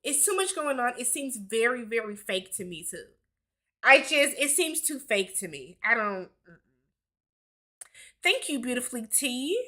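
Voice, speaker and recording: This YouTube host from Milwaukee, Wisconsin, is a woman in her forties running a casual livestream Q&A, chatting loosely, laughing often, and reading viewer comments aloud. Her fairly high voice is very animated and sharp, yet a little slow, with long pauses.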